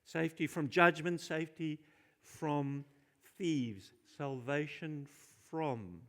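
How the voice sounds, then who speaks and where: A male pastor delivering a sermon with a somewhat high, gravelly voice. He talks informally, throws questions out to the congregation and repeats key phrases for weight. The delivery stays conversational and light-hearted, recorded in a church. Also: slow. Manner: informal and jokey.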